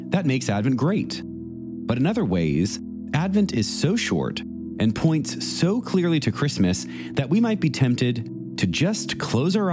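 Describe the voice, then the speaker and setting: A man, a priest, leading a reflective meditation and reading scripture in a measured, gentle voice. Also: medium pitch. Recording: music playing underneath the voice. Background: soft instrumental music.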